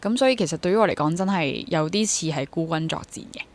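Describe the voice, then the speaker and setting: A woman in her twenties with a Hong Kong accent, a freelance stage actor and drama teacher, speaks as an interview guest in a casual, reflective way, mixing English words into her speech. Her voice is low-pitched and fast with lively intonation.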